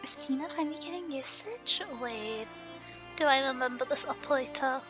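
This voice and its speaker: A woman's voice: high-pitched, normal speed, highs cut off, over music. A woman chatting casually to viewers on a game livestream in a cute, bubbly, giggly anime-streamer manner.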